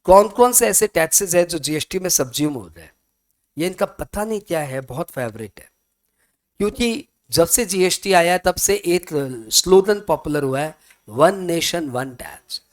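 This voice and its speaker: A man's voice: high-pitched, animated, normal speed. A man teaching tax in a chatty classroom lecture, asking his students questions and answering their imagined ones. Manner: chatty, mixes Hindi and English, asks students questions.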